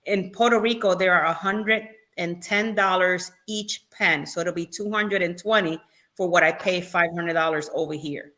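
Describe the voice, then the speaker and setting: Female co-host, bright tone, casual live-stream chatter, quick to laugh. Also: lowish voice. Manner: laughs often, reads viewer questions aloud. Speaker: co-host reading the live chat.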